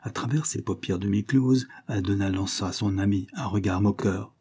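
Male narrator, measured audiobook reading, mellow and slightly husky. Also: fairly low pitch.

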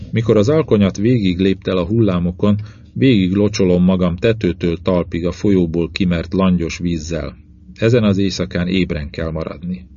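A man narrating a novel in the first person, in measured, even short phrases. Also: sits low, a little hiss or hum. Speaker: audiobook narrator. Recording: dull lo-fi recording.

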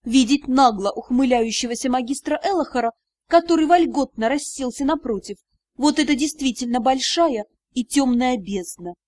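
A woman's voice: sits high, moderate pace, a little mellow, no room sound. A woman giving emotive, dramatic first-person narration of an audiobook on a close mic.

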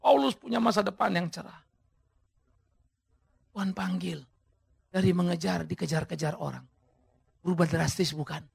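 A male pastor preaching a sermon with dramatic, sudden shouted emphases, speaking straight to his congregation. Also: high-pitched, normal speed, vocal fry, long pauses, slightly rough. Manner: addresses the congregation directly.

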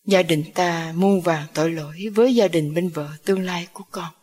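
A woman's voice: mid-range voice, unhurried, darkish tone, slightly rough. A woman voicing a tearful old grandmother full of guilt, who sobs and pleads. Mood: pleading, remorseful. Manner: sobbing and pleading.

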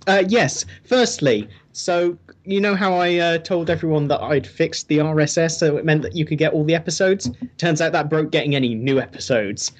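A man co-hosting a podcast in loose, casual chat, with a wry and self-deprecating humor. His voice is slightly high for a man and has a husky edge. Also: moderate pace, hardly any pauses. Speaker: podcast co-host.

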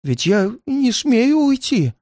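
Man doing a shrill, panicky old man. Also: huge pitch swings, a little slow, darkish tone, no echo, clean studio sound, exaggerated voice. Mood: frantic, fearful. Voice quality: shrill, shaky, pleading. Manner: frantic outbursts, near tears. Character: frightened paranoid old man, shrill and tearful.

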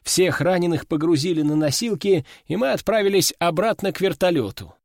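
A man narrating an audiobook in the first person, lively storytelling. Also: high voice, a little fast, creaky, dry recording, studio quality. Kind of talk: scripted narration.

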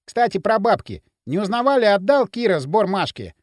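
A man voicing a calm, thoughtful young leader of a street gang. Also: high voice, dry recording, clean studio sound. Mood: cool. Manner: measured and cool.

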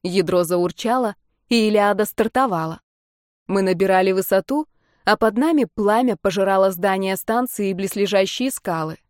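Female audiobook narrator, measured, expressive, dry close sound. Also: medium pitch, dry recording. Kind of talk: first-person audiobook narration.

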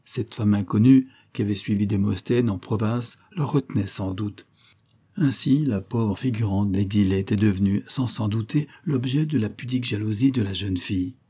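Husky, mellow-voiced male narrator. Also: on the low side, moderate pace. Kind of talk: literary audiobook narration.

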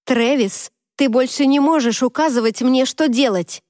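A woman's voice: sits high, moderate pace, no room sound, studio quality, pitched above the performer's own voice, lightly acted. A woman playing a furious, defiant young woman. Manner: raised, indignant shouting.

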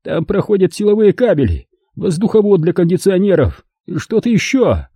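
A man voicing a hysterical middle-aged casino boss in an audiobook, shrill and frantic, raising his voice high. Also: big pitch swings, normal speed, mellow, slightly rough, no room sound, studio quality, full character voice. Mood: dazed. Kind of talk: audiobook character voice.

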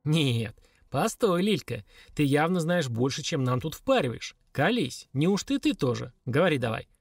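A man's voice: a little high, big pitch swings, normal speed, husky, no room sound, clean studio sound, heavily acted. A man voicing a blunt, suspicious young man pressing others for answers.

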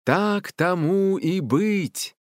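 A man voicing a forest spirit that speaks slowly in a booming, theatrical voice. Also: dry recording, studio quality.

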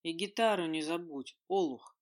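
A man's voice: on the high side, moderate pace, close to an everyday voice. A reader voicing a grumpy, sarcastic adult man who grumbles and mocks his friends. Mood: grumbling. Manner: grumbling, mocking.

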